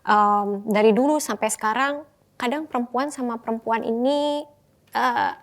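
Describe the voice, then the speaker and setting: Woman, podcast host, slightly high voice, casual interview, many fillers. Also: unhurried. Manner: frequent fillers and backchannel hums while asking long questions.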